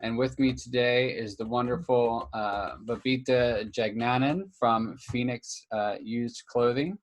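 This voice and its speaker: A man's voice: medium pitch, unhurried. A young man hosting a live stream interview on a video call, casual and full of fillers. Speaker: host.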